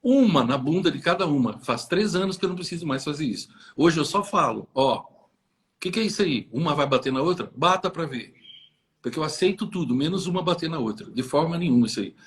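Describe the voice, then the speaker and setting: A man's voice: on the high side, expressive, quick pace. A man with a Brazilian Portuguese accent, co-hosting a casual chat and giving parenting tips in a blunt, firm, forthright way.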